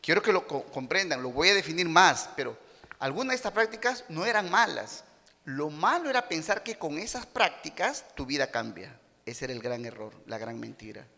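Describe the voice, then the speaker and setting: A man's voice: on the high side, big pitch swings, moderate pace, creaky, sharp tone, big-room sound. A man preaching a sermon as a pastor in a church, acting out the people he quotes and punching his points with boxing-style exclamations. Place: church sanctuary.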